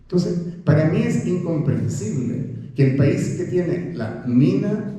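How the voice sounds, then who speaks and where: An older man with a Chilean accent gives a lively talk at a book presentation. His voice is slightly high but warm and mellow. It rings out through a very echoey room. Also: takes it slowly. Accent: Chilean Spanish. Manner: animated and conversational, with rhetorical questions and many restarts. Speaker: professor speaking at a book presentation. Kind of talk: public talk to an audience.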